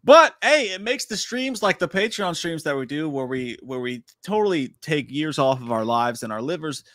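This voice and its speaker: In a home room lined with shelves, a man in his thirties hosts a casual livestream chat, reading viewer messages, joking crudely and laughing often. His fairly high, a bit bright voice is expressive, at normal speed, picked up by a desk mic.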